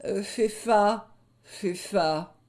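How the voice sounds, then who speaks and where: A woman's voice: medium pitch, very slow, darkish tone, pitched above the performer's own voice. A woman voicing a boastful young male wolf who blusters and stammers when caught out, in a storybook reading. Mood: sheepish.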